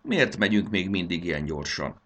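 A man reading aloud and voicing a young fairy girl who is bossy, lively and urgent. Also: low-pitched, creaky, breathy edge, voice pushed up, exaggerated voice. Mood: puzzled.

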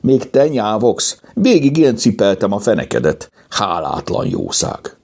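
A man's voice: sits low, sing-song, dark tone, breathy edge, exaggerated voice. A man voicing a clever, grumpy young boy in a children's audiobook, blunt and scolding.

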